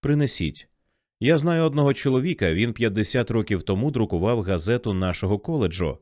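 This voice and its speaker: A man's voice: on the low side, animated, a little fast, darkish tone, dry recording, clean studio sound, lightly acted. A man reading a weary, bitter old scholar. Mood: reflective. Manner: lecturing, rueful.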